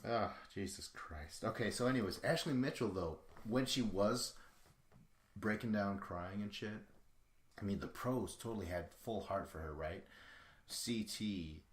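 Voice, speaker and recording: A man with a deep, low voice talks loosely and profanely, rambling and chuckling as he hosts a solo podcast recap. The sound is roomy, with his voice echoing off the walls. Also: a little slow, slight background noise. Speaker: podcast host. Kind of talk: casual solo recap of a reality show. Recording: echoey room.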